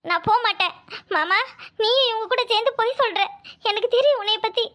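A young cartoon wife, voiced by a woman, pleads and argues in a high, bright, fast voice. She is stubborn and insistent, and she refuses to be sent away. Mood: pleading.

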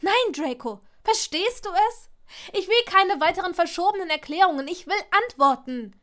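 A fiery young witch pushes every phrase hard, raising her bright, high voice with strong emphasis, as a woman reading an audiobook plays her. She sounds proud and stubborn. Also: expressive, moderate pace. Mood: furious. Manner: loud, heated, emphatic. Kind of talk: audiobook reading of fan fiction.

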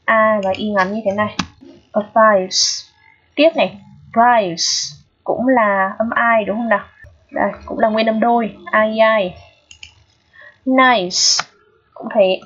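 Patient woman teacher, husky lo-fi voice. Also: mid-range voice, fairly even intonation. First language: Vietnamese. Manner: patient, repeats words slowly, checks understanding often. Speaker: English teacher. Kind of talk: exam review lesson. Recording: dull lo-fi recording.

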